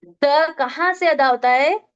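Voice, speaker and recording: A woman's voice: high voice, takes it slowly, dull audio, faint music behind. A woman teaching a Quran recitation class online, explaining rules patiently step by step and quizzing her students. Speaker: tajweed teacher.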